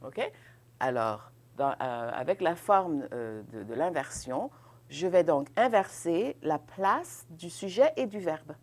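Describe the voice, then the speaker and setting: Low-voiced woman teaching French grammar slowly. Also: expressive, darkish tone. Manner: explains in English, models French phrases with exaggerated rising intonation; checks in often with "ok?", laughs lightly. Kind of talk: bilingual classroom grammar lesson.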